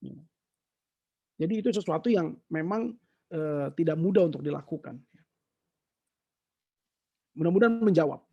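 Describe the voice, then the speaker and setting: A man, giving an animated, casual talk and answering questions in an online session. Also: fairly high pitch, normal speed, creaky, long pauses, husky, dull audio. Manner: animated storytelling, mixes in English words. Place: online session over a shaky connection.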